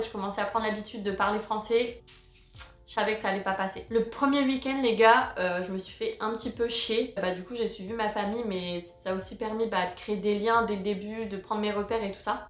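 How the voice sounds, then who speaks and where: A woman's voice: medium pitch, roomy sound. A young woman from France in her twenties telling her story in a chatty, slangy vlog with lots of fillers. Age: 20s. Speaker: vlogger.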